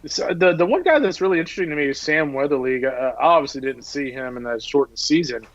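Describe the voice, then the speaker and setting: A man's voice: on the high side, animated, fast, no echo. A man with a slightly raised voice wonders aloud on a live panel, turning his points into questions. His audio sounds dull and muffled over the connection.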